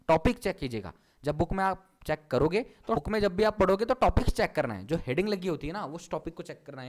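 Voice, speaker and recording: High-voiced man teaching, repeating instructions. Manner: repeats points over and over, instructing. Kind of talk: online lesson walking through a document.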